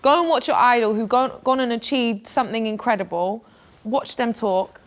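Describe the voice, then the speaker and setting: A young woman with a northern English accent, a guest telling stories in a blunt, animated way in casual interview chat. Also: a little high, moderate pace. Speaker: guest singer-songwriter.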